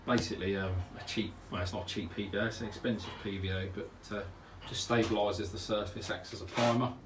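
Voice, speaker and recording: A man's voice: lowish voice, steady tone, fairly quick, roomy sound. A man casually talking viewers through his DIY build in a cramped garage room, rambling and matter-of-fact with lots of fillers. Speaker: DIY pond vlogger. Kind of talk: casual DIY walkthrough chat. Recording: distant mic with background noise.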